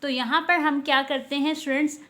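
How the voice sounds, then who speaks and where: A woman's voice: high-pitched, fairly even intonation, fairly quick, fairly bright tone. A woman teaching Quran pronunciation, explaining patiently and stretching out letter sounds to model them. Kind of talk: online tajweed lesson.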